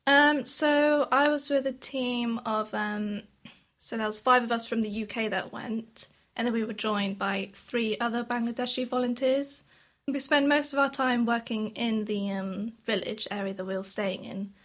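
A woman's voice: a little high, fairly even intonation, moderate pace, a bit bright. A nineteen-year-old woman on a podcast, telling her story with enthusiasm and lots of ums. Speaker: podcast guest. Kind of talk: casual storytelling.

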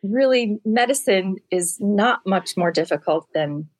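A middle-aged woman doctor, hoarse from allergies, answering interview questions candidly and explaining with homely comparisons. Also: medium pitch, expressive, a little slow, dry recording, low-quality recording. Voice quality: gravelly. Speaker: family medicine doctor, guest.

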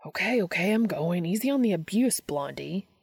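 A woman's voice: lowish voice, lively intonation, moderate pace, vocal fry, slightly rough, no echo, exaggerated voice. A woman reading aloud and voicing a joking, easygoing young man in close to her own voice. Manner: joking, casual.

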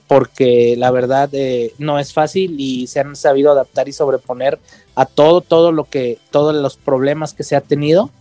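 A man's voice: mid-range voice, dark tone, no echo. A man, a podcast guest talking casually and hesitantly, full of fillers. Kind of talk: casual interview chat.

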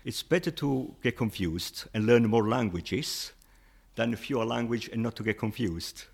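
A man's voice: mid-range voice, unhurried, gravelly, husky. A man who learned English as a second language, patiently explaining with examples in casual interview chat. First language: not English.

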